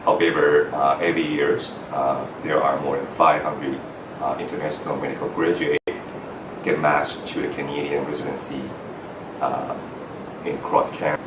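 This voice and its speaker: Recorded from a distance in an echoey room over background noise, a middle-aged Taiwanese man describes his journey as a foreign-trained doctor toward residency. He speaks earnestly to camera in a rumbling low, level tone, halting often with "uh" fillers and restarts.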